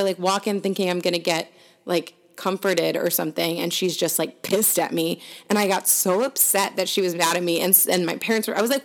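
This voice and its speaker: A young woman telling a story in casual chat, chatty and full of "like". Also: fairly low pitch. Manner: chatty storytelling, heavy use of "like".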